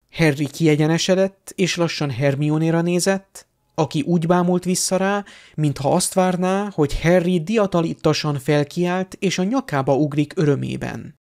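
A man narrating a fan-made audiobook chapter in a steady, even storytelling delivery. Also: a little high. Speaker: audiobook reader.

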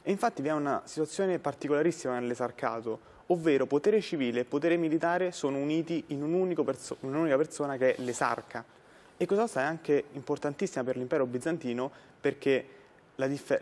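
A man's voice: medium pitch, a little fast, darkish tone. A young man in his twenties, a student guest, giving an earnest, explanatory answer. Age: 20s. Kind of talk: prepared studio answer. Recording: reverberant studio.

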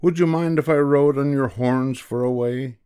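A man's voice: mid-range voice, steady tone, normal speed, warm tone, clean tone, voice pushed up, lightly acted. A man voicing a tiny, cheerful, freeloading bug in a children's storybook, jolly and breezy. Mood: pleading.

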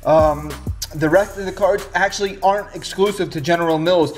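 A man's voice: high-pitched, normal speed. A man in his thirties with a stuffy, nasal voice, like after a nose injury, chatting casually to viewers as host of a pack-opening vlog. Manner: chatty, addresses viewers as guys, repeats phrases. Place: home kitchen indoors. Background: background music.

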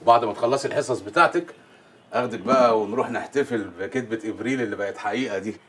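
A man's voice: fairly low pitch, very fast, a bit bright, a little hiss or hum, natural voice. A man with an Egyptian accent playing a flustered, hot-tempered young husband in a comedy film, pleading and joking. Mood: bickering. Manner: exasperated, pleading comic. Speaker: film lead, husband and son. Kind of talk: comic film acting.

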